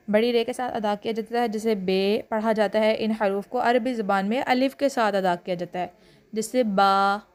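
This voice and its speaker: A woman with a Pakistani Urdu accent teaching Quran reading, reciting letters one by one in a patient, drawn-out way and checking in often. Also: mid-range voice, a little mellow. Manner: patient, drawn-out letter names, frequent "theek hai" check-ins. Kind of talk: slow classroom lesson reciting letters.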